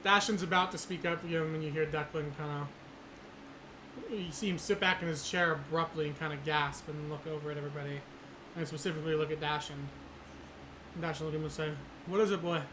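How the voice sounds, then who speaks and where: A man runs a tabletop game with relaxed narration full of fillers. His voice is a little high, and clear background noise runs underneath. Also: quick pace. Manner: loose, filler-heavy narration. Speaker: game master. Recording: noisy background.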